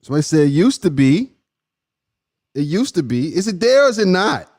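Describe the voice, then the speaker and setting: A man's voice: fairly high pitch, big pitch swings, fairly quick. A man hosting a casual live stream, playfully quizzing his viewers and laughing often as he talks. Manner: playful, teasing, questioning the audience; laughs often, swings from loud to hushed.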